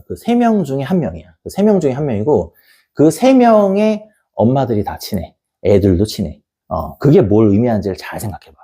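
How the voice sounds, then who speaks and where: A man's voice: medium pitch, dark tone, husky. A man giving a blunt, colloquial parenting lecture to camera, acting out little scenes and swearing freely. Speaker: education YouTuber and tutor.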